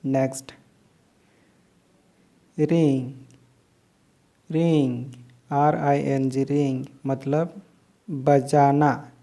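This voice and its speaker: A woman's voice: a bass voice, flat delivery, extremely slow, pauses often, mellow. A woman teaching English verb forms, spelling out each word letter by letter and repeating it. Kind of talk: slow spelling-out lesson.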